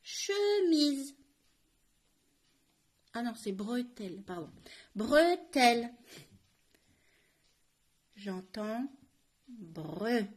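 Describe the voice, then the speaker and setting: Slow, lively schoolteacher. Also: female voice, a little high. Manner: slow, clearly articulated, stressing each syllable. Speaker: primary school teacher. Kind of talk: phonics lesson for young children.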